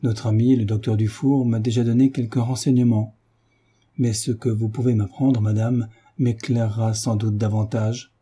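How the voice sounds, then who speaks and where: A man narrating an audiobook with a very dark, mellow timbre and a husky edge. He reads at an even, measured pace and lifts his pitch for pleading lines. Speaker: audiobook reader. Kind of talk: scripted narration of a classic novel.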